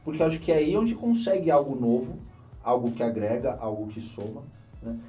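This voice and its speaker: A young Brazilian man with a Brazilian Portuguese accent, hosting a casual conversation and thinking aloud with animated restarts. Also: medium pitch, fairly quick, faint music behind. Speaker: host. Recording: voice a bit distant from the mic.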